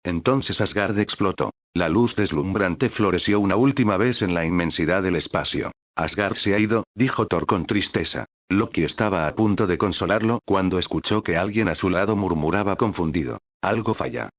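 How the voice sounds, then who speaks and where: A man narrating a story in a steady, even way. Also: low voice, normal speed, few pauses, no echo, clean studio sound. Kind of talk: scripted narration.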